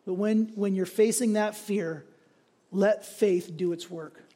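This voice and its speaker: A man's voice: high-pitched, fairly even intonation, slow, dark tone. A man preaching a sermon as a pastor, in a conversational way, often checking in with the congregation. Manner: conversational preaching with frequent tag questions.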